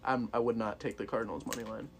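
A man's voice: mid-range voice, steady tone, fast. A young American man in a casual sports chat, talking like a frat bro with slangy bragging. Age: young adult. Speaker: podcast co-host.

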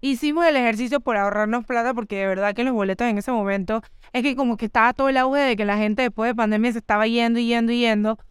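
Lively young woman podcast co-host. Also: a little high, fast talker, few pauses, clean tone, dry recording, clean studio sound. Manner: lively, animated storytelling. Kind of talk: casual chat.

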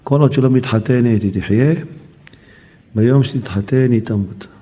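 A male rabbi tells a Talmud story as a lesson. He quotes the Aramaic and then explains it in lively storytelling. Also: mid-range voice.

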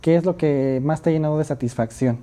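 Male co-host, very dark, mellow voice, friendly questions. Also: fairly high pitch, fairly quick. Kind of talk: casual chat.

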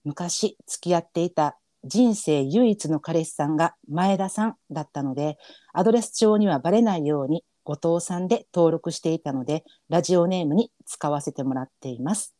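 A Kansai-accented man co-hosting a podcast earnestly reads a listener's letter aloud, then gets giggly, laughing and apologizing. His voice is fairly high and mellow at normal speed, in a clean studio recording with no room sound.

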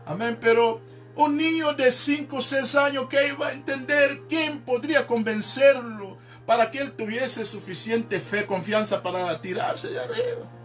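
A man's voice: very high voice, expressive, measured pace, a bit bright, soft background music. A man preaching a sermon, emphatic and dropping in frequent amens. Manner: emphatic, peppers speech with "amén".

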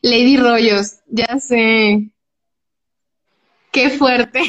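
A young Mexican woman co-hosting a podcast, telling a story in lively casual chat and acting out the voices of the people in it. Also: on the high side, drawn-out words, muffled recording. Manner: animated, acts out quoted voices, laughs often. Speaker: podcast co-host.

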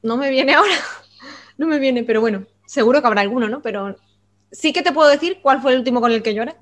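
Woman, book chat guest; high voice, reflective and halting delivery. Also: animated. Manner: hesitant, reflective, with many restarts.

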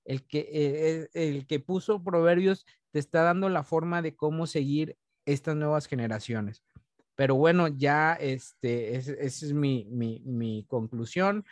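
A man's voice: on the high side, measured pace, dry recording. A man in his thirties talking in an earnest, rambling way with many restarts, co-hosting a casual faith podcast. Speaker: podcast co-host.

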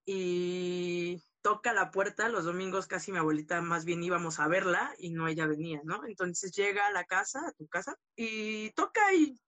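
A woman's voice: on the low side, moderate pace, hardly any pauses, fairly bright tone, dry recording, dull audio. A woman, a guest recounting a personal story in candid, filler-heavy talk. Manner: candid, full of fillers and tag questions. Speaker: interview guest.

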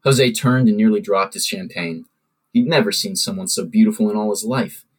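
A man, a podcast host, reading his own original fiction aloud in steady storytelling narration. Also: lowish voice, normal speed, breathy edge, rough recording.

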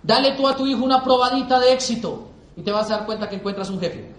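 A man's voice: very high-pitched, quick pace, reverberant, a little hiss or hum. A middle-aged man from Colombia giving a motivational talk to an audience, telling stories and acting out the dialogue. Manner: animated storytelling, acts out dialogue. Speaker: motivational speaker.

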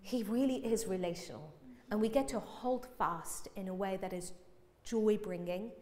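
A woman in her thirties preaching a sermon to a congregation, animated and self-mocking, acting out little quoted scenes. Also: mid-range voice, moderate pace. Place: church hall with congregation. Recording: church hall with long reverb.

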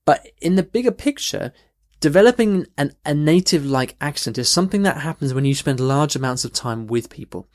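A man's voice: fairly high pitch, expressive, fairly quick, few pauses. A man hosting a podcast lesson, explaining things in a loose, conversational way with frequent restarts and "okay" check-ins. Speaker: language teacher, podcast host. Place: in London.

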